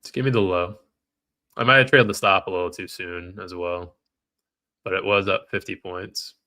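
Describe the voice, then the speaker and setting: A man's voice: low voice, steady tone, moderate pace, sharp tone. A man trading live on a stream, reading out viewer comments and venting when trades go against him. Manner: frustrated, talks to chat while reading comments. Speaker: livestream trader.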